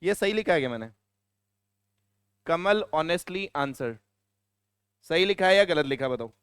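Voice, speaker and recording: A man's voice: fairly high pitch, expressive, quick pace, a bit bright, clear, resonant tone, no room sound, clean studio sound. A male teacher with a Hindi accent giving a classroom grammar lecture. He tells stories in a chatty way and scolds his students.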